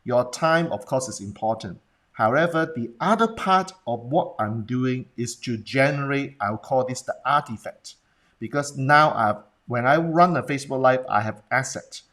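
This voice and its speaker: A man's voice: medium pitch, fairly bright tone. A man with a Hong Kong accent coaching viewers on a livestream in a blunt manner, often putting questions to them and checking in. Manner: rhetorical questions and check-ins with the audience. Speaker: business presentation coach. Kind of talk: Facebook Live talk, coaching viewers.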